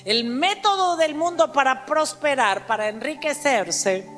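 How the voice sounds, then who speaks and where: A high, bright woman's voice preaching with emphatic force, calling out to the congregation and slowing down to spell out words. She is recorded on a stage microphone in a church hall, with a long reverb tail and faint music underneath. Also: lively intonation. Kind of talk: sermon.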